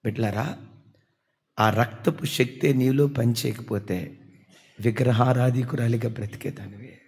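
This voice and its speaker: A male pastor delivering an emotional storytelling sermon with impassioned, dramatic preaching and sudden loud swells. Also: medium pitch, measured pace, creaky. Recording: long hall reverb.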